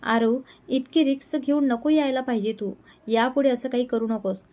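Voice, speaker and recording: A woman's voice: high voice, steady tone, normal speed, darkish tone, natural voice. A woman reading a flustered young bride-to-be. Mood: fond scolding. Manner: flustered, scolding fondly.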